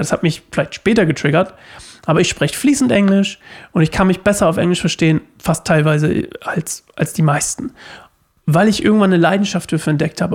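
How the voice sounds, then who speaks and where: A man's voice: sits high, a little mellow. Earnest man giving a devotional talk. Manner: earnest and emphatic, repeats key phrases; restarts sentences often. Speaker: podcast host and worship leader. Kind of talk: devotional podcast talk on faith. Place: living room.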